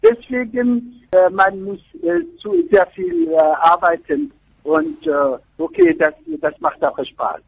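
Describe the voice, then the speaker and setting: High gravelly man, halting. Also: big pitch swings, a little hiss or hum, low-quality recording. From Afghanistan. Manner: halting, searching for words in a second language. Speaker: architecture professor, interview guest. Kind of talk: radio interview answers.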